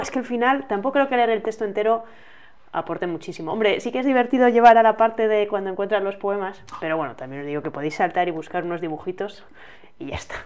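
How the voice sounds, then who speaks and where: A woman with a Spain Spanish accent co-hosting a book channel, giving frank opinions and laughing easily. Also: lowish voice. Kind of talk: book review chat.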